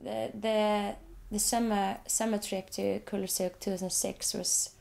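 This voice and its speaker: An Icelandic artist who speaks English as a second language describes her photographs in an interview, hesitantly repeating words and restarting sentences. Her mid-range, darkish voice keeps a level tone with vocal fry and a slightly slow pace.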